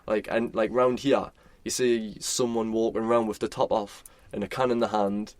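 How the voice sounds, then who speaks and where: A man's voice: lowish voice, fairly even intonation, normal speed, no room sound. A young man with a Geordie accent, co-hosting a podcast in casual chat, rambling and swearing freely with plenty of fillers. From North East England. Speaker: podcast co-host.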